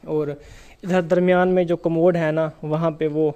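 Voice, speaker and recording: A man from Pakistan talks a viewer through a place in a loose, casual vlog style. His voice sits a little high yet sounds soft and mellow. He strings his thoughts along with filler words and pious phrases. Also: little pitch movement, smooth, muffled recording. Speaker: vlogger.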